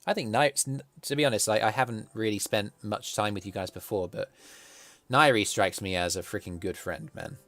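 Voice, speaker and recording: Male livestream host, plummy southern English voice, lowish pitch, dry close sound, casual interviewing style. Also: fairly quick, fairly bright tone, dry recording, soft background music. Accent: southern English, posh. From south of England. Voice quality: plummy, posh voice. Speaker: stream host interviewing artists.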